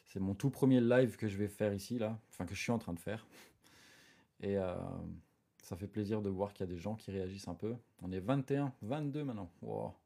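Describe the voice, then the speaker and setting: A man's voice: fairly low pitch, fairly quick. A man hosting his own live stream, talking casually and directly to viewers with lots of hesitations and restarts. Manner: relaxed, chatty, talks straight to viewers.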